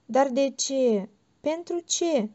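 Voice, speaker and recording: A woman's voice: high-pitched, lively intonation, mellow, voice pushed up. A woman reading the part of a withdrawn, sullen young man who answers in short, terse phrases, on a dull lo-fi recording.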